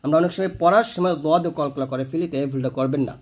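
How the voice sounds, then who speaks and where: A man teaches a step-by-step Quran reading lesson. His voice sits a little high for a man, and he draws out each letter sound slowly before hurrying through the explanations.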